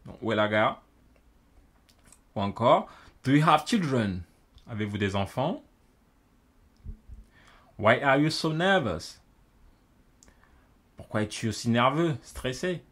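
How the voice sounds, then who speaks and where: Guy going through english phrases slowly, says each one twice, normal pitch. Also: animated, a bit bright. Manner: repeats each phrase in both languages, slows down for the English. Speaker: English teacher. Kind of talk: French-language English lesson, phrase by phrase.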